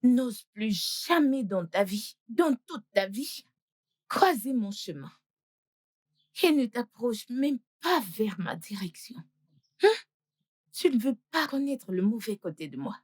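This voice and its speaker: A spiteful rival who mocks and insults in a slow, drawn-out way. Her voice is slightly husky. The sound is dry and close. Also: fairly high pitch, very animated, darkish tone, no room sound, heavily acted. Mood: taunting. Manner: mocking, insulting, triumphant. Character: spiteful pregnant woman taunting a rival.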